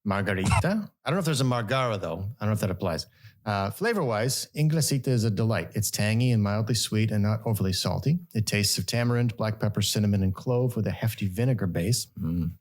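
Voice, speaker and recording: A man's voice: lively intonation, fast talker. A middle-aged man co-hosting a podcast, reading news stories aloud with wry, jokey asides. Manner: wry, jokey delivery with sudden pitch jumps. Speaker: podcast co-host.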